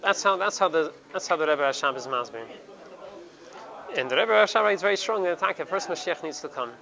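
This Torah teacher has a fairly high, gravelly voice with a sharp tone, speaking expressively and a little fast. He halts, repeats words, and weaves Hebrew into his English during a Talmudic lesson, recorded lo-fi and dull amid crowd noise.

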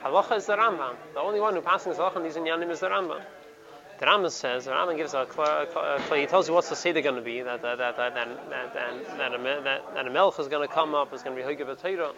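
In a slightly high voice, a fast-talking man delivers a Talmudic study lesson, repeating words after pauses and dropping Hebrew terms into his English. Crowd noise fills the background of the dull, lo-fi recording.

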